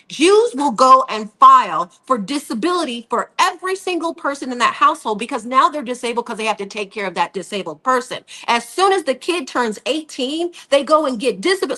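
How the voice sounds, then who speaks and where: A woman's voice: high voice, bright, forceful tone. A woman co-hosting a casual political podcast, ranting bluntly with profanity.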